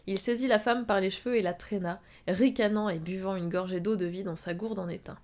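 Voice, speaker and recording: A woman reading an amateur story aloud on a live stream, at a mid pitch for her. She keeps stopping to mock the text with dry, sarcastic asides. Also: fairly even intonation, brisk, darkish tone. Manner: reads with frequent sarcastic asides and laughs.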